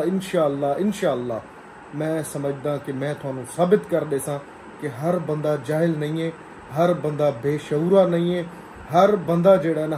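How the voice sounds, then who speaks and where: A man's voice: a little high, mellow, slight background noise. Earnest man vlogging to phone. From Pakistan. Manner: earnest, persuasive, addresses viewers as friends. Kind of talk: casual vlog narration to camera. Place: indoor sitting room and car. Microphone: phone at arm's length.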